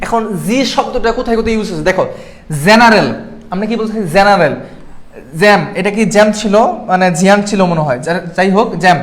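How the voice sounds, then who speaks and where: A young man from Bangladesh tutoring students in a live online class, asking them questions and checking in with them often. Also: high voice. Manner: quick, keeps checking in with the class. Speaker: admission exam tutor.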